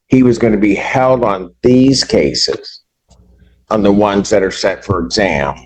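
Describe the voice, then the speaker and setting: A man serving as a judge, speaking from the bench in a courtroom recording, halting and restarting his sentences as he grows exasperated. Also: lowish voice, rough recording.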